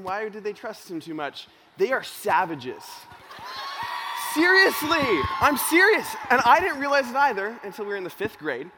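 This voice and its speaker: A young man gives a motivational speech built around a personal story, swinging from loud excitement to hushed seriousness. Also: sits high, a little hiss or hum. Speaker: youth organization speaker.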